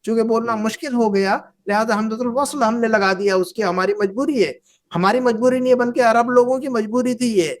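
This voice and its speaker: A woman's voice: fairly high pitch, steady tone. A woman whose first language is Urdu, teaching an Arabic grammar lesson, patiently repeating verb forms and asking the class questions. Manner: asks the class questions and invites answers.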